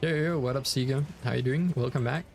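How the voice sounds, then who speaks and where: A young man with a Danish accent chats casually with viewers during a game stream, speaking fast in a mid-range voice. He's chatty, full of fillers and restarts, and reads chat messages aloud while faint music plays behind him.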